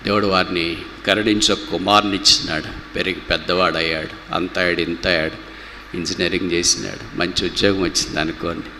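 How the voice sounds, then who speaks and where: A man preaching a gospel sermon with passion, swinging from loud rhetorical questions to low, slow pleading. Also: fairly even intonation. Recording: reverberant hall with faint background noise.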